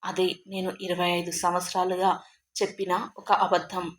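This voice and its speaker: A woman voicing an ailing middle-aged wife who speaks quietly in a trembling, tearful voice. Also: on the low side, completely flat delivery, moderate pace, roomy sound, a little hiss or hum, close to an everyday voice.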